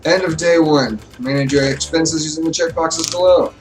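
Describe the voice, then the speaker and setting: A man's voice, on the high side with a steady tone and normal speed, comes through a distant mic with faint noise. He's hosting a relaxed let's play from home with his wife, talking through the game with fillers.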